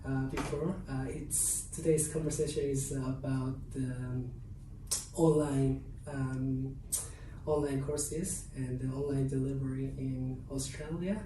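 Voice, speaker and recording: Host, halting, filler-heavy, off-mic in an echoey room with noise. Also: mid-range voice, fairly even intonation. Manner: halting, many fillers and restarts. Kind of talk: panel talk. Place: event room. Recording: roomy, distant, noisy.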